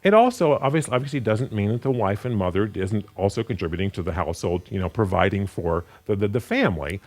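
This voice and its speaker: Animated, stammering male Bible teacher. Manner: halting, with frequent repeated words and restarts; animated pitch, rising sharply for emphasis. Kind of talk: unscripted Bible study sermon.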